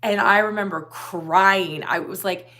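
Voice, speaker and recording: A woman's voice: mid-range voice, unhurried, bright, forceful tone. A woman co-hosting a casual livestream chat, telling rambling stories with a slightly wheezy, scratchy voice. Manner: rambling storyteller, many restarts. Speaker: livestream co-host.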